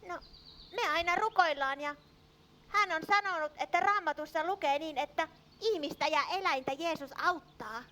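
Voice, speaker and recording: A woman voicing an excitable, fretful little sheep in a church puppet show, full of small cries. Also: extremely high pitch, slight background noise. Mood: hopeful. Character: anxious clumsy little lost sheep, female. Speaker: puppet character.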